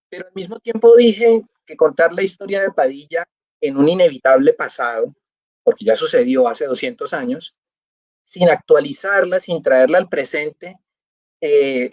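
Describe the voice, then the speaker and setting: A man's voice: on the high side, dry recording. Thoughtful man, dry dull audio. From Colombia. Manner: thoughtful, searching for words with frequent fillers. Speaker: novelist guest. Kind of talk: reflective festival interview.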